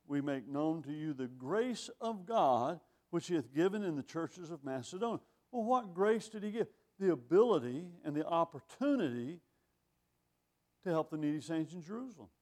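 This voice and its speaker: A man's voice: fairly high pitch, lively intonation, moderate pace, darkish tone. A man in his sixties preaching a sermon, reading scripture and asking rhetorical questions in a wry, conversational way. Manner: reads scripture in older phrasing.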